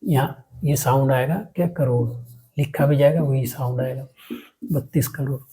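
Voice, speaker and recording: A mid-range, dark-toned voice at normal speed with fairly even intonation belongs to a maths teacher going through a lesson step by step on a low-quality recording. The teacher asks and answers questions, frequently repeats words, and weaves English words in.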